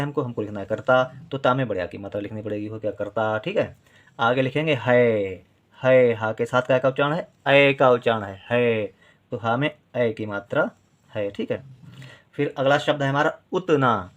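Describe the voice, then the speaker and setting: A man teaching a Hindi writing lesson, patiently breaking words into syllables and stretching sounds out to show how they are spelled. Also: medium pitch. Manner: patient, drawn-out syllables, repeats words slowly.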